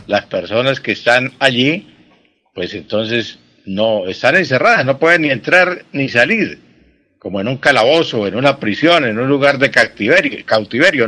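A man's voice: mid-range voice, bright, forceful tone. A man answering listener questions on a radio program as a language expert, explaining patiently and repeating his key points.

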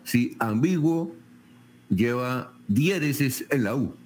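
A man hosting a radio news show, briskly reading listeners' questions to a guest expert. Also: medium pitch, expressive, darkish tone, a little hiss or hum.

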